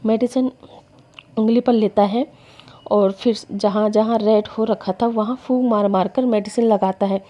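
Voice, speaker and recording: Mellow woman telling a story. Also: mid-range voice, steady tone, measured pace. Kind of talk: casual story narration. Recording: dull lo-fi recording.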